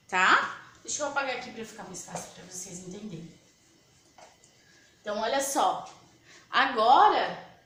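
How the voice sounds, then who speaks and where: With a Brazilian Portuguese accent, a woman patiently teaches young children, spelling out sounds and letters in a children's lesson. Her voice is fairly high, pushed and bright, and the room is echoey.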